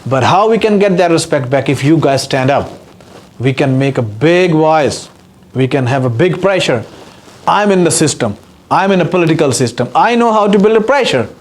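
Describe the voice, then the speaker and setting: A man's voice: fairly high pitch, animated, normal speed. A man from Pakistan with a Pakistani accent, giving an earnest, emotional personal testimony as an activist guest speaker. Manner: earnest, impassioned, repetitive emphasis.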